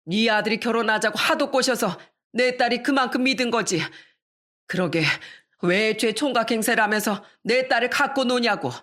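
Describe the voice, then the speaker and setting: Woman reader as angry protective mother, shouting, higher and louder than the narration. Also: normal speed, close to an everyday voice. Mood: furious. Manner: shouting, furious. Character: angry protective older mother, tearful and fierce.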